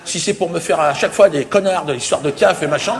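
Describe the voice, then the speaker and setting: A man voicing a calm, deadpan male alien from Jupiter, speaking low-key and matter-of-fact in a stand-up routine. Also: fast, vocal fry. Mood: irritated.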